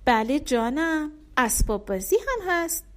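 Casting: a tender storybook mom, read by a woman, soft and reassuring, high voice. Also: sing-song. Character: gentle mother soothing her young son.

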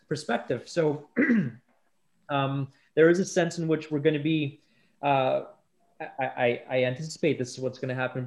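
A man hosting a podcast interview, talking casually with many fillers and restarts. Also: medium pitch. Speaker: podcast host.

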